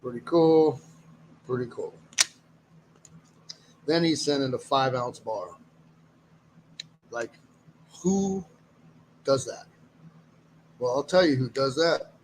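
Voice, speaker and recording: A man's voice: a little high, slight background noise, rough recording. A man hosting a live stream, talking casually and rambling as he greets viewers and goes through items. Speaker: live stream host running a silver auction.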